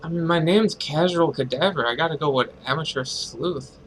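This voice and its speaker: A man's voice: fairly high pitch, moderate pace, a bit bright, slight background noise, rough recording. A man casually commenting while playing a game, rambling and hesitant. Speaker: game streamer. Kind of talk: casual let's-play commentary.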